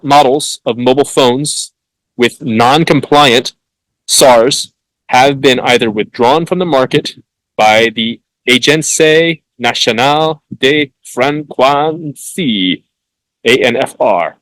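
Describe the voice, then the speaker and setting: Man, podcast host, blunt and hectoring, halting reading with fillers, mid-pitched voice, dry close sound. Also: a bit bright, no echo, low-quality recording. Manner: blunt, hectoring asides with swearing; reads text haltingly with fillers and restarts. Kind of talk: solo podcast, reading and commenting.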